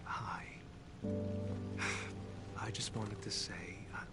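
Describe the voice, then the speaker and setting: A man's voice: lowish voice, little pitch movement, takes it slowly, whispered, over loud music. An actor playing an earnest, awkward, eager young man in naturalistic video game acting. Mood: nervous, apologetic.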